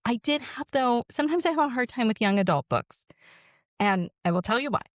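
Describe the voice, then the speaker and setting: A woman's voice: on the high side, lively intonation, a little fast, dry recording, studio quality. A woman hosting a book club chat, giving an effusive, chatty, gushing book review. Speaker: book club podcast host.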